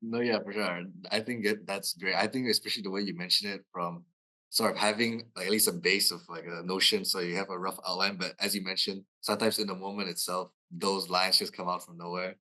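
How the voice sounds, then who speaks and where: A man's voice: low voice, steady tone, brisk, pushed and bright, rough recording. A man hosting an interview podcast, affirming and curious as he asks questions. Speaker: podcast host. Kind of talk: casual interview chat.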